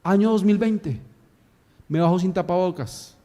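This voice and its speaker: A man, a pastor giving a sermon as an animated storyteller who acts out scenes. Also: high-pitched, measured pace.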